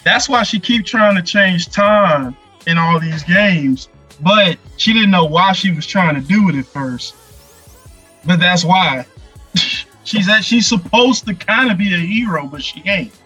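A man on a gaming podcast with a high, bright and husky voice, talking in a laid-back, slangy way. His sound comes through dull, lo-fi online call audio with faint music under it. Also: expressive, measured pace. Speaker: podcast co-host. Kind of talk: casual gaming chat.

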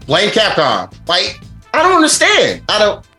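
A man's voice: high voice, wildly swooping pitch, a little slow, pushed and bright, faint music behind. A man giving a casual, blunt streamer's commentary on gaming rules in loose slang, swearing freely. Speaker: streamer host.

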